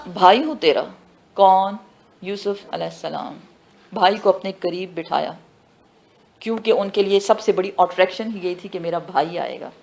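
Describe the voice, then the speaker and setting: A woman giving a tafsir lesson who asks her students questions and answers them herself, mixing in English phrases and slowing down for the Arabic words. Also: medium pitch. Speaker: Quran teacher. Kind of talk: tafsir class lecture.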